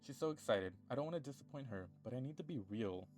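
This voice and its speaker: A man's voice: medium pitch, lively intonation, quick pace, music in the background. A young man streaming a game, reading its lines aloud in a playful, jokey, rambling way. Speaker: gaming streamer.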